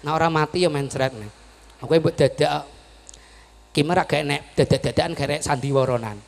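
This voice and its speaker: A man with an East Javanese accent preaching a humorous sermon, joking, calling out to the audience and shouting at the high points. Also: fairly quick, gravelly. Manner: animated, jokey, shouts at climaxes, keeps calling to the audience. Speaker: Islamic preacher. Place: outdoor gathering at a village mosque yard.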